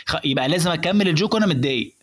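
A young man with an Egyptian accent, explaining in casual chat how to build a stand-up joke, animated and mixing in English words. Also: on the high side, racing, husky. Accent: Egyptian Arabic.

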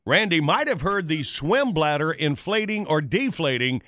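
A man's voice: a little high, sing-song, normal speed, sharp tone, no room sound, clean studio sound. A man hosting a radio show with casual comic banter.

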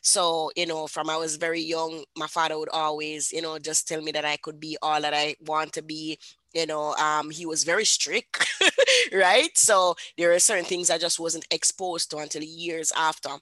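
A Jamaican woman with a Jamaican accent, a guest author, tells her life story in casual interview talk, warmly and with lots of fillers. Her voice sits low with fairly even intonation and a moderate pace, and there's no room sound.

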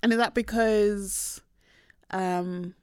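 A woman's voice: mid-range voice, steady tone, very slow, clear, resonant tone, no room sound, studio quality. A woman hosting a podcast, talking casually and candidly in a conversational way. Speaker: podcast host. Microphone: podcast microphone.

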